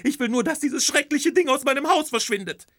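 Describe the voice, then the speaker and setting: A man's voice: very high-pitched, animated, brisk, a bit bright, no echo, clean studio sound, pitched above the performer's own voice. Man doing a shrieking furious wife. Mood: shrill, furious. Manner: shrieking, scolding. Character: shrill furious housewife, disgusted and commanding.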